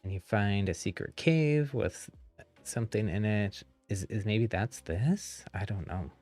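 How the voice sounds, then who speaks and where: A man's voice: on the low side, measured pace, darkish tone, soft background music. A man wearing a retainer, giving casual, rambling game commentary as a streamer and thinking aloud.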